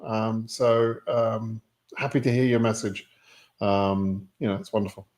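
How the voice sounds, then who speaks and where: A man's voice: lowish voice, flat delivery, unhurried, darkish tone. A British man in his sixties hosting a live stream, answering viewer questions in a frank, rambling way with many restarts. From United Kingdom. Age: 60s. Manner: rambling, frequent ums and restarts, frank and plainspoken. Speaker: immigration lottery advisor hosting a live stream.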